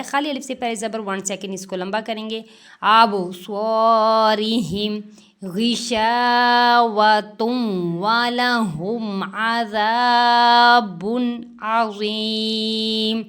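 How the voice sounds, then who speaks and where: A woman teaching tajweed step by step, reciting words slowly and drawn out, then explaining the rules and answering her own questions. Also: on the high side, a bit bright. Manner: slow drawn-out recitation of verses between explanations; frequent "theek hai" check-ins.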